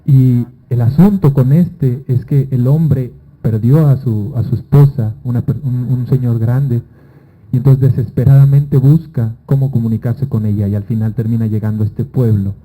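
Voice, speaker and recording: Male author at a book presentation, dark mellow tone, storytelling delivery. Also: mid-range voice, rough recording. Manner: storytelling, animated retelling of a dream. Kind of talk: book presentation talk with reading. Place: festival event before a live audience.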